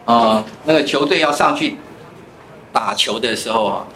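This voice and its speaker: A male pastor leads a Bible class in a chatty, conversational way, weaving in personal stories. His voice is mid-range and moves at a normal speed. The church classroom sounds echoey, with faint background noise.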